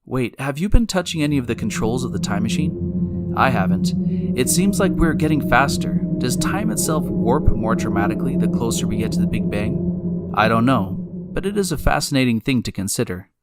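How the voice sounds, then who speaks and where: A man serves as narrator and time machine guide in a radio drama, delivering scripted, dramatized science narration in an explanatory way. His medium-pitched voice is animated and moderately paced, and the recording is very noisy with loud music behind him.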